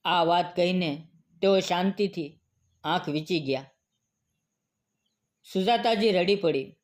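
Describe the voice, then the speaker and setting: A man with a high-pitched voice narrates a moral storybook tale. His reading is solemn and evenly paced, in a plain scripted style. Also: slow pace.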